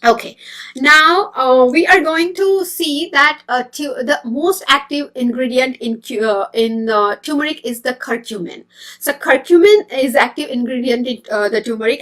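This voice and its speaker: A woman's voice: on the high side, fairly bright tone. A woman from India, hosting a casual healthy-eating live stream, chatty and hesitant with many fillers and restarts. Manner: greets viewers and reads comments as she goes.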